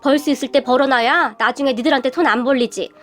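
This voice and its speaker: A woman's voice: high voice, quick pace, soft background music, close to an everyday voice. A woman voicing a weary, proud middle-aged mother who works as a housekeeper, who talks stubbornly and sighs with indignation. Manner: stubborn, sighing, indignant then pleading. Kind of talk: storytelling narration.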